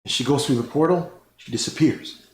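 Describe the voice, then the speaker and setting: A man running a tabletop game, narrating scenes slowly with fillers and pauses. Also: mid-range voice. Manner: slow, unhurried storytelling with fillers. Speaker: game master. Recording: roomy with faint noise.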